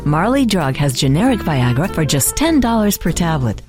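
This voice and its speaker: A woman reading a scripted infomercial sales pitch as an advertising announcer. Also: big pitch swings, normal speed, music in the background.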